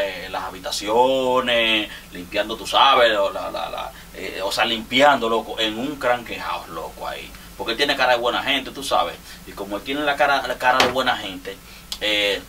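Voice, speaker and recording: A man's voice: on the low side, pushed and bright, slight background noise. A man with a Dominican Spanish accent jokingly roasting fellow artists in a rambling, laughing monologue. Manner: teasing, rambling, laughs often. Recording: distant mic with faint ambience.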